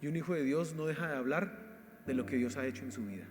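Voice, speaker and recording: A Colombian man preaching a sermon as pastor, exhorting his listeners as "hermano" and swinging between loud emphasis and quiet asides. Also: mid-range voice, fast talker. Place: church hall. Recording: live church stream with reverb and faint music.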